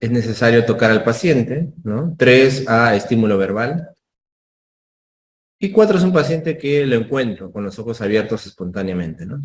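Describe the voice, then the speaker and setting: A man's voice: medium pitch, lively intonation, moderate pace. A man teaching a medical lesson, explaining step by step, ending phrases with tag questions and acting out short exchanges with patients. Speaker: medical lecturer.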